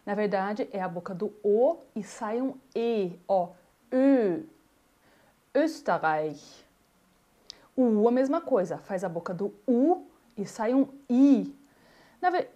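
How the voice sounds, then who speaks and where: A woman gives a pronunciation lesson, sounding each example word out slowly and repeating it. Her voice sits a little high, with a soft, mellow tone. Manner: models words slowly, repeats them. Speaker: German teacher.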